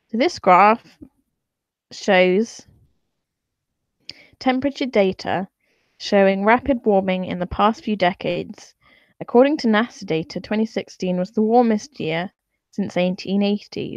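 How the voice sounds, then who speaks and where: A woman's voice: mid-range voice, a little mellow, dry recording, highs cut off. A woman talking to camera in an opinionated vlog, exasperated and sarcastic, swearing freely as she reads out and explains graphs. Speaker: vlogger.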